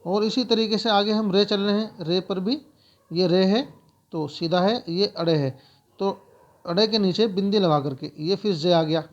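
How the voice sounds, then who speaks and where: A man teaching a spoken alphabet lesson, going through letters slowly and repeating each sound. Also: high-pitched, highs cut off. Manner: slow, repetitive letter-by-letter explaining.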